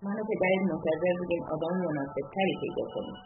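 A woman voicing a worried middle-aged mother in a read-aloud story, speaking in a measured way and choosing each word. The recording is tinny, with music behind. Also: fairly low pitch, close to an everyday voice. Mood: careful. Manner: measured, choosing words carefully.

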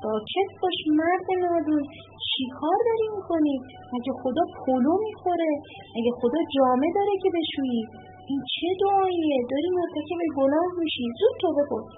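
A woman's voice: sits high, expressive, slight background noise, pitched above the performer's own voice. Woman playing an enraged scolding prophet. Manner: shouting rebukes. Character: prophet Moses, man scolding in anger. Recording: narrow phone-like sound with music.

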